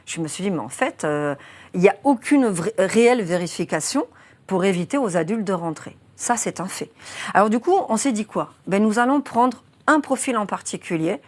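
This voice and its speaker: In a studio interview, a journalist in her twenties explains a grim criminal case step by step, earnest and careful with her words, with plenty of small fillers. Her voice is of ordinary female pitch, animated and moderately paced.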